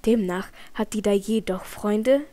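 A woman's voice: mid-range voice, a little slow, warm tone, no room sound, lightly acted. A woman reading the part of a mocking, sardonic middle-aged male opera director in an audiobook. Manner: mocking, dry.

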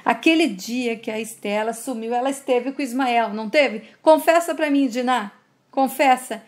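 A distraught man rages and vows revenge, as a woman narrator reads his part. The voice stays fairly high and plainly read. He sounds agitated and bitter. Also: moderate pace, close to an everyday voice. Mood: furious. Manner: agitated, vengeful. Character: distraught middle-aged man, enraged at a villain.

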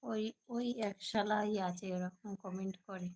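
A woman hosting a casual live stream at home at night, hoarse from a cold, chatting with viewers and answering their comments. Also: mid-range voice, fairly even intonation, a little slow, a little mellow, low-quality recording.

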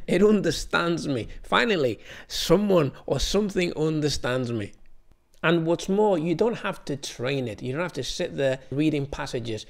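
A man from the United Kingdom explaining software casually as a tutorial presenter. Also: on the high side, creaky.

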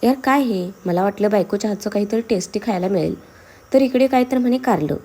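A woman's voice: mid-range voice, quick pace, darkish tone, natural voice. A woman voicing a hot-headed, playful young husband in a storybook reading. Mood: teasing. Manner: blustery and teasing.

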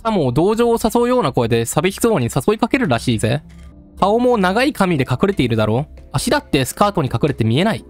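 A man voicing a rough-talking male storyteller who taunts the listener in coarse street speech. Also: high voice, very animated, brisk, faint music behind. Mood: taunting. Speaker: game let's-play narrator.

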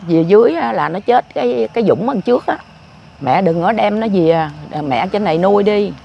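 Gravelly older woman. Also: mid-range voice, expressive, a little fast, highs cut off, a little hiss or hum. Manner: rambling, repetitive telling. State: often ill. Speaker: grandmother interviewed. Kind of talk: casual storytelling.

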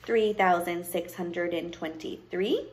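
A cold, miserly fairy-tale witch, played by a woman reading a storybook. She speaks slowly and a little low, with an indifferent air and a menacing edge. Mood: cold indifference. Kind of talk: storybook character voice.

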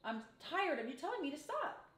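High-voiced woman in a comedy skit, brash and teasing, pushy, echoey room. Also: sing-song, fairly quick, fairly bright tone. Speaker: comedy sketch actor. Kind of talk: improvised comedy sketch. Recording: echoey room, faint noise.

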